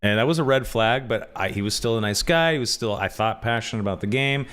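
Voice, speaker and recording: A man's voice: mid-range voice, quick pace, fairly bright tone, smooth. A man speaking bluntly and swearing often in a podcast conversation. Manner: blunt and profane. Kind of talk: podcast chat.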